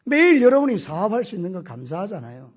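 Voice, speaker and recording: A man's voice: sits high, very animated, quick pace. A male pastor giving a Sunday morning sermon in church. He talks straight to the congregation and asks them questions. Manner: addresses the congregation directly with questions; acts out quoted voices. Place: church sanctuary.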